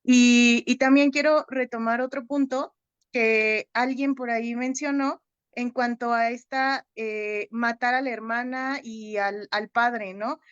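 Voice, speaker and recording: A woman with a slightly high, clean voice speaks slowly and fairly evenly, recorded lo-fi with no echo. She is a psychotherapist discussing a film in a group, sounding hesitant and often closing her points with a questioning "¿no?"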